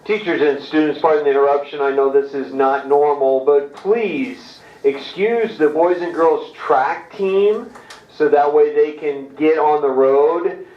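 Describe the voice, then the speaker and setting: A man making a polite, apologetic announcement over a school intercom loudspeaker to a classroom. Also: fairly high pitch, a little slow. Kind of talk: public announcement. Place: classroom, heard over a wall speaker. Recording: echoey, dull intercom with faint noise.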